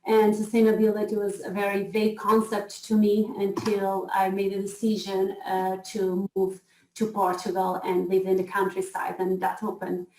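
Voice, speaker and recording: A woman's voice: mid-range voice, completely flat delivery, normal speed, darkish tone. Female panelist, hesitant delivery, distant roomy video-call sound. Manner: hesitant, with restarts and "uh" fillers. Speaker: hotel founder and chapter leader. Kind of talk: panel self-introduction. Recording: echoey room, distant from the mic.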